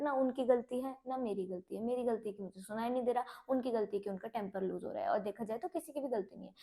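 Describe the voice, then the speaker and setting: A woman's voice: fairly high pitch, warm tone. A woman in her twenties, a singer and content creator, talks openly to her viewers in a subdued, heavy-hearted confessional vlog, moving between Hindi and English.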